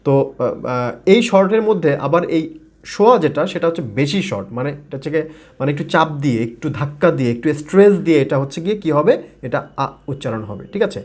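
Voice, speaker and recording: A man's voice: a little high, lively intonation, fast talker, darkish tone. A man from Bangladesh, a native Bengali speaker, teaching English pronunciation in a video lesson, repeating and modeling words with frequent fillers.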